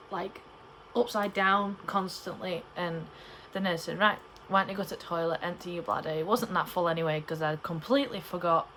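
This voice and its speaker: Young woman, slightly low pitch, chatty rambling vlogger delivery, some background noise. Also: a bit bright, poor audio. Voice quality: cannot pronounce P in the middle of words. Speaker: pregnancy vlogger. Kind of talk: casual chat to camera.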